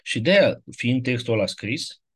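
A man giving a casual classroom lecture, wandering off topic and often checking in with his listeners through quick rhetorical questions. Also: medium pitch, lively intonation, breathy edge.

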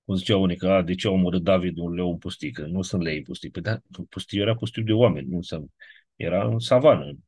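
A teacher of biblical Greek gives an online lecture, explaining step by step and frequently checking in with listeners. His voice is low, darkish and slightly rough, with no echo.

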